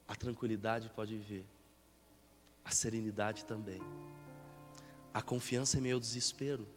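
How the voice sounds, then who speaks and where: A young man with a Brazilian Portuguese accent, a pastor telling a story in a sermon, his voice swinging from loud emotional peaks to hushed soft phrases. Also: fairly low pitch, flat delivery, a little slow. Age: young adult. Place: church sanctuary. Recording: reverberant church hall with soft music.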